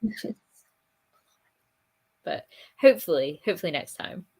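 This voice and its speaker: A woman's voice: fairly low pitch, animated, moderate pace, darkish tone, husky. A young woman co-hosting a writing stream, chatting casually and laughing often, with lots of "like". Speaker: co-host. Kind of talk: casual chat during writing sprint.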